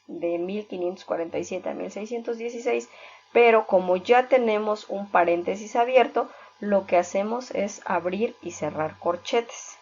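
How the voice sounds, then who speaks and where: A woman teacher walks through a lesson at a slow, unhurried pace, explaining patiently step by step with worked examples. The recording is dull and lo-fi. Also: mid-range voice, a little mellow, a little hiss or hum. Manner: fills pauses with "este". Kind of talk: recorded reading-skills lesson.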